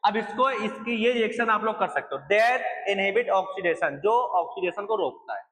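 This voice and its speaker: A man's voice: sits high, animated, brisk, a bit bright. A man from India teaching a classroom chemistry lecture, asking students questions, repeating the answers and mixing English phrases into his talk. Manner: mixes English phrases into Hindi. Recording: echoey room with long reverb.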